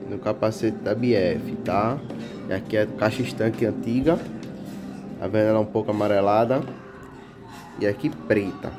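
Indoors, a Brazilian motorcycle-channel host with a Pernambuco Portuguese accent shows off his camera gear in a casual show-and-tell. His voice sits on the low side. His manner is easygoing and talkative, with constant little tags like "né?" and "tá?".

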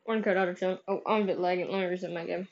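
A woman's voice: on the low side, fairly even intonation, rapid-fire, muffled recording, noisy background. A woman hosting a live gaming stream, chatty and upbeat, heard through livestream headset mic audio. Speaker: livestream host.

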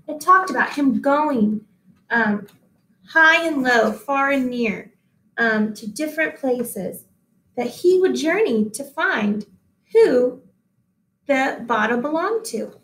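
In an echoey little office-type room, a thirties-aged teacher reads a picture book slowly for kids at home, pausing for asides to them. She tells the story carefully and expressively in a fairly high voice.

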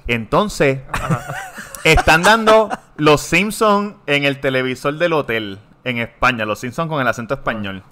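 Bright-voiced storyteller man. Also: a little high, unhurried. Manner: animated, profane storytelling. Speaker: podcast co-host. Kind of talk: casual chat.

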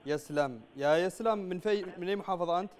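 Male quiz host and prize announcer, Yemeni accent, high voice, very quick delivery. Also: slight background noise. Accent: Yemeni Arabic. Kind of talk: live call-in quiz presenting with prize announcements. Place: TV studio.

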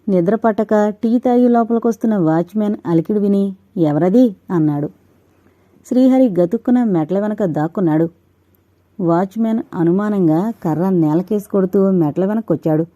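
A woman reading a novel aloud in steady scripted narration. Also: medium pitch, no room sound, muffled recording. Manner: steady storytelling. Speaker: audiobook narrator.

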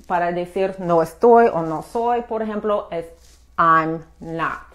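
Slow, patient woman teaching a language lesson. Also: medium pitch. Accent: American English accent in the English words. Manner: slow, patient explaining with many restarts and fillers. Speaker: English teacher. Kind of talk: live-streamed language lesson.

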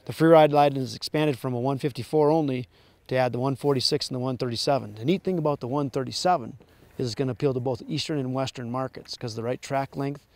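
A man's voice: medium pitch, gravelly, darkish tone. A man from the maker showing off a snowmobile outdoors in the snow, explaining its features plainly. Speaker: manufacturer product rep. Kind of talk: product walkaround explanation. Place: outdoors in snow at a sled event.

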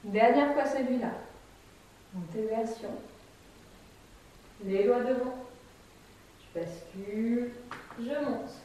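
Slow and with long pauses, a high-voiced fitness instructor in her thirties calmly talks through each step of a guided chair workout while demonstrating. A far-off camera mic records her in an echoey, bright empty room with wooden floors, adding a little hiss or hum.

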